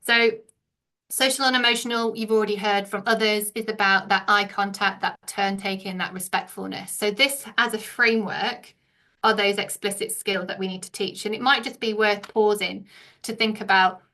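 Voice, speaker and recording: A woman's voice: mid-range voice, fairly even intonation, moderate pace, pushed and bright. A middle-aged woman with an English accent, presenting a teacher training session and explaining points while asking the room many questions.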